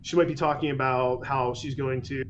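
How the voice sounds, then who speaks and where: A man's voice: mid-range voice, normal speed, a little hiss or hum. Chatty man with muffled, lo-fi sound. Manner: animated, restarts often, mimics people in quotes. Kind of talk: casual podcast conversation.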